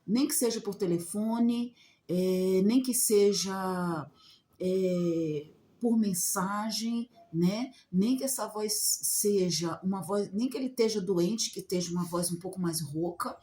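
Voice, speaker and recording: A woman's voice: medium pitch, slow pace, mellow. A woman giving an informal Bible teaching, talking conversationally and asking many rhetorical questions. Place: outdoors in the sun.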